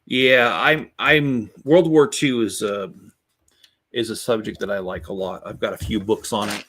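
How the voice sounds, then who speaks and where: An unhurried, fairly low-pitched man with a fairly bright tone hosts a casual Lego-building stream. Middle-aged and self-deprecating, he jokes and rambles as he talks with people watching live.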